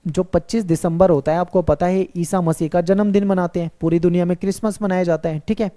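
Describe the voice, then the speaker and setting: A man's voice: high voice, fairly even intonation, brisk, mellow. A male teacher giving an exam-focused history lecture, who asks questions, answers them himself and repeats key points.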